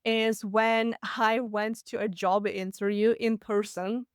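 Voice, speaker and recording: This solo business podcast is hosted by a Latvian woman in her late twenties with a Russian accent, who laughs often while candidly and chattily recounting her own story at a quick pace. Her mid-range voice barely moves in pitch and has a clear, resonant tone. The audio is dry and studio quality.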